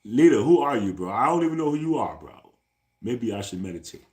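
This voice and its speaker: A man's voice: mid-range voice, big pitch swings, brisk, darkish tone. Slangy forties man saying "bro" nonstop. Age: 40s. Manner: loose slangy talk, ends nearly every phrase with "bro"; repeats himself, talks straight to his viewers. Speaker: livestreamer. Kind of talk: casual live-stream chat. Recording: echoey room.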